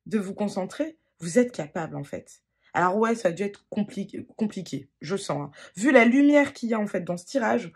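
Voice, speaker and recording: Gently and haltingly, a tarot reader narrates a spontaneous card reading, often restarting and using fillers. Her voice is husky, slightly breathy, and mid-pitched.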